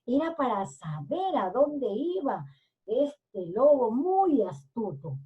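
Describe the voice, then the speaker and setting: A woman's voice: on the high side, big pitch swings, slow pace, narrow, tinny audio. A woman teacher telling a storybook to children, stopping often to explain and to check that they follow. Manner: explains with frequent "¿no es cierto?" checks.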